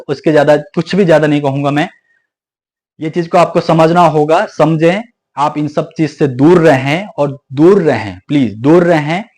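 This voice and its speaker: Young man, high-pitched, indignant vlogger monologue with lots of repetition and English mixed in. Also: darkish tone. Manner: indignant, repeats himself, code-switches into English. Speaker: video creator warning viewers. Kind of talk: casual direct-to-camera monologue.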